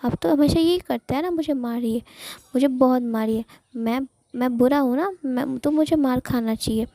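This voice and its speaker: A woman's voice: high-pitched, normal speed, warm tone, no echo. A woman voicing a melodramatic, tipsy young man who whines and repeats himself in self-pity, inside a told story. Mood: defiant. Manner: whining, repetitive, self-pitying. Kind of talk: storytelling with voiced characters.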